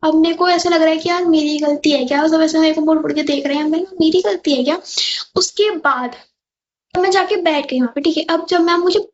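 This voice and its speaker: Teen indian girl vlogger, high voice, chatty storytime, kinda dull lo-fi mic sound. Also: a little fast. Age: teens. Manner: chatty, keeps asking "ठीक है?". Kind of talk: storytime vlog. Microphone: clip-on mic.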